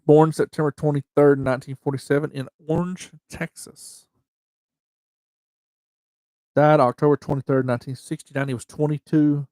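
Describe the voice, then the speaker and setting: A man hosting a casual livestream, reading memorial entries in a halting way with slightly slurred speech, often restarting words and reading dates slowly. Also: on the high side, flat delivery, warm tone, no echo. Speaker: livestream host.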